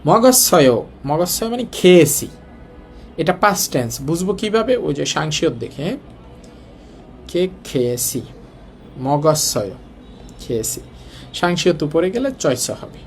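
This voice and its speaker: A man's voice: a little high, expressive, measured pace, gravelly, long pauses, faint music behind. Man teaching Korean in colloquial Bengali. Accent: Bangladeshi Bengali, colloquial Dhaka speech. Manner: explains step by step, asks the class rhetorical questions. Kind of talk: casual classroom explanation.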